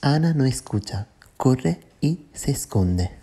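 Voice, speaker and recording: A woman's voice: rumbling low, lively intonation, takes it slowly, warm tone, slightly rough. A woman host narrating a chat animation story as a simple retelling. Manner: simple retelling with plain quoted lines. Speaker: channel host.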